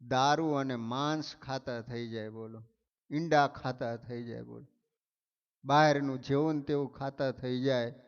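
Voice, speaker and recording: A male preacher tells a sermon story in an animated way, leaning hard on key words. His voice is smooth and clear, fairly high, and he speaks very slowly. The sound is dull and lo-fi, with a long reverb from a large hall. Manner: animated storytelling, dramatic emphasis.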